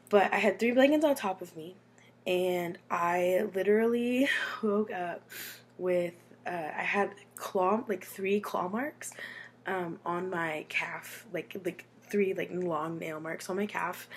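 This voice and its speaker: A woman's voice: lowish voice, slow pace, slight background noise. An American woman with a runny nose from being sick, telling a personal story in a casual, chatty, informal way with dramatic asides. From Texas, United States.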